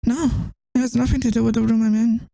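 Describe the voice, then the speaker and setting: A woman's voice: fairly high pitch, level tone, fast, vocal fry, no room sound. A woman playing a tired, affectionate girlfriend who misses her partner, in a tender, intimate ASMR role-play. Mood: soft, chatty. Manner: tender, intimate, soft-spoken.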